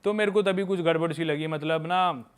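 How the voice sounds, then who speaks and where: Young man, slightly high voice, casual podcast storyteller, candid and chatty. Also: moderate pace, clear, resonant tone. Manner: candid storytelling, calls listeners "bhai". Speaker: podcast guest sharing travel stories.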